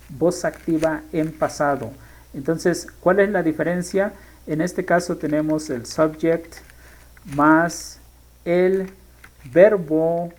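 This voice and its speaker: Slow, gravelly teacher. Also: medium pitch, poor audio. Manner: thinks aloud, stops often to correct themselves. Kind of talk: screen-share grammar lesson.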